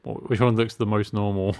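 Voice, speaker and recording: Fairly low, steady and a little mellow, this middle-aged man's voice moves at a moderate pace. As a gaming streamer, he gives casual let's-play commentary, joking at his own expense and reading menu options aloud.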